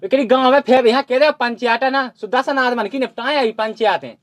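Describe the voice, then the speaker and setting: Exasperated village husband. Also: male voice, extremely high pitch, brisk, heavy background noise. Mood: grumbling. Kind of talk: rural comedy sketch acting. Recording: music playing under the voice.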